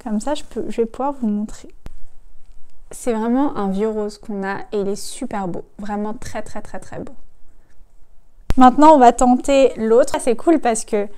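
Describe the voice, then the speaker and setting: A woman's voice: a little high, unhurried, a little mellow, smooth. A woman vlogger chatting casually and enthusiastically as she reviews cheap skincare and makeup, with lots of fillers. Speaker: beauty vlogger.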